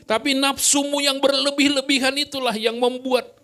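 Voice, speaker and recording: A man's voice: very high-pitched, flat delivery, normal speed, sharp tone, voice pushed up. A pastor acting out a weary, overwhelmed male leader who pleads with God in a raised, strained voice. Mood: exasperated.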